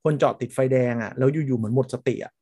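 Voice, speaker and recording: A man's voice: mid-range voice, fairly even intonation, fast talker, warm tone, slightly rough, dry recording, studio quality. A man co-hosting a podcast in casual chat, rambling with fillers and laughing often. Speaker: podcast co-host.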